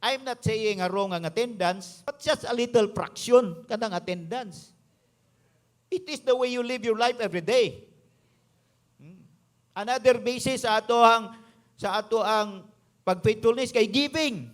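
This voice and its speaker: High-voiced Visayan Filipino pastor preaching. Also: male voice, a little slow. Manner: emphatic preaching, mixing English with the local language. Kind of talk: sermon.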